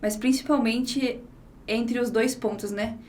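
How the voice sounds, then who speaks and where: A woman's voice: a little high, fairly even intonation, slow pace, darkish tone. A woman in her twenties from southern Brazil, a podcast guest talking in a friendly, conversational way. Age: 20s. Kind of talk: casual podcast chat.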